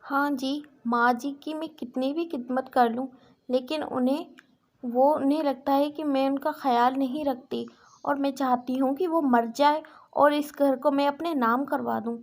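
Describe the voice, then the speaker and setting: Cartoon casting: patient young daughter-in-law, high and earnest, voiced by a woman. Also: fairly even intonation, a little slow. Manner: earnest, pleading. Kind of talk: cartoon story voice acting.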